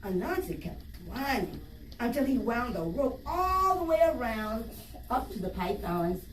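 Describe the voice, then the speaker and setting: A woman's voice: a little high, sing-song, measured pace. A woman reading a story aloud to young children, stopping to explain it in simple words and ask them questions. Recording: roomy, distant mic, faint noise.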